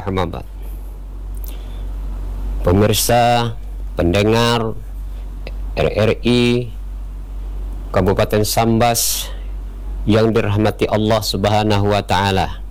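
Slow, measured male radio preacher. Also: lowish voice, clear, resonant tone, rough recording. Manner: measured, opens with Arabic prayer formulas. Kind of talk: radio sermon.

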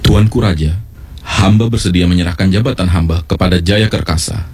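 A man playing a challenging royal guard commander in a historical drama, a fighter with fist-fighting shouts and taunts. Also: low voice, a little fast, slight background noise, close to an everyday voice. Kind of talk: Indonesian historical costume drama acting.

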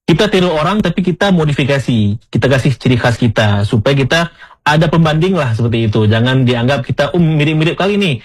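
A man from Aceh with an Acehnese accent, talking as a content-creator guest in a relaxed, casual way with frequent fillers and chuckles. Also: fairly high pitch, quick pace, slightly rough. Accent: Acehnese-accented Indonesian. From Aceh, Indonesia. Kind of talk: casual podcast interview.

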